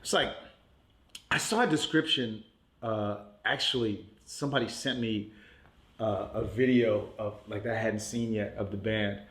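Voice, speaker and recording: A man's voice: lowish voice, fairly even intonation, unhurried, fairly bright tone. A man from Puerto Rico, raised in New York, chatting loosely as a podcast guest, laughing often and leaning on "like" and "you know.". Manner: laid-back, laughs often, many "like" and "you know" fillers. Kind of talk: casual interview chat. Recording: roomy echo.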